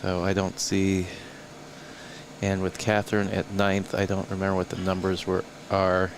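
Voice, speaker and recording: A man giving live color commentary on a pool tournament, analytical and measured, sometimes trailing off mid-thought. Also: sits low, monotone, vocal fry, background noise.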